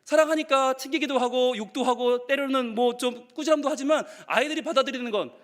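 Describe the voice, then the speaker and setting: A man's voice: very high-pitched, brisk, a bit bright. A male pastor preaching to teachers, telling stories animatedly and acting out the quotes. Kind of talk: sermon to teachers. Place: church sanctuary. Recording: reverberant church hall.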